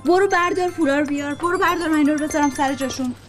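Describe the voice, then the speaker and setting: A woman's voice: high-pitched, soft background music, lightly acted. An actress playing an anxious young woman who presses hard with demanding questions, in a film drama. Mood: tense. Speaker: young woman searching for a friend.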